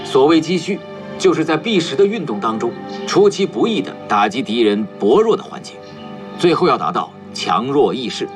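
A military instructor in a period war drama, lecturing with deliberate emphasis. His voice sits at a middle pitch, and music plays loudly behind him. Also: big pitch swings. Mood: measured, instructive. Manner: measured, didactic, emphatic. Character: male military instructor teaching guerrilla tactics to officers. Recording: loud background music.

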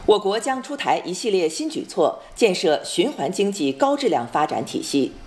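A woman with a standard mainland Mandarin accent reads scripted broadcast news as a formal, measured anchor. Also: lowish voice, big pitch swings, darkish tone. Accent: standard mainland Chinese Mandarin.

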